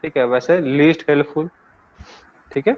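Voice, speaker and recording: A man with an Indian accent leads a classroom grammar lesson, explaining step by step and pausing to ask his students for answers. His voice sits a little high for a man. The recording is dull and lo-fi. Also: a little hiss or hum. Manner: explains patiently, mixes languages, asks students for answers. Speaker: English teacher.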